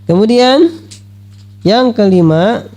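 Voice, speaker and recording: A man preaching at a religious study lecture, lively and full of rhetorical questions, acting out the voices he quotes. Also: sits high, slow pace. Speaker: Islamic preacher.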